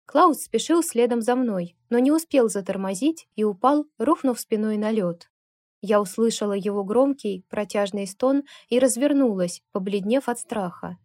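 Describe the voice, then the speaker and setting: A woman's voice: normal speed, no echo, clean studio sound. A woman narrating a first-person novel as an audiobook, giving the characters their own voices. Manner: voices characters with raised pitch and loudness.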